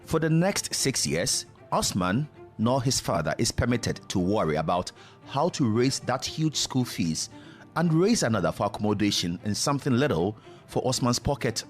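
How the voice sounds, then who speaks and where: A man's voice: mid-range voice, big pitch swings, moderate pace, soft background music. A man with a Ghanaian accent reading scripted documentary narration.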